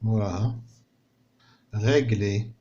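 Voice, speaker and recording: A man's voice: lowish voice, steady tone, takes it slowly, mellow. Patient Moroccan male teacher, muffled recording. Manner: patient, explanatory, repeats and checks understanding. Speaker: primary school teacher. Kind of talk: explaining a French textbook lesson in Moroccan Arabic.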